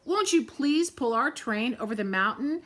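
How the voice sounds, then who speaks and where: A woman's voice: a little high, expressive, normal speed, a bit bright. A woman voicing a group of toys and dolls in a storybook, begging for help. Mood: pleading. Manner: begging, imploring. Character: pleading chorus of dolls and toys.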